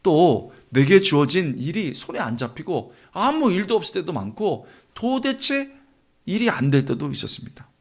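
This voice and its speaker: A man delivers a sermon in a church. His voice sits a little high and rises and falls freely. He talks earnestly, putting one question after another to the congregation. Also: sing-song, moderate pace, slightly rough. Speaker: guest preacher.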